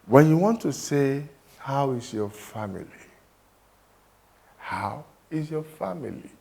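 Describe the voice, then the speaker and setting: A man's voice: mid-range voice, expressive, slow, gravelly, dark tone. A man teaching greetings, coaxing his student to repeat after him in a playful way. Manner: coaxing, playful, mixes English and Yoruba. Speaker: language teacher.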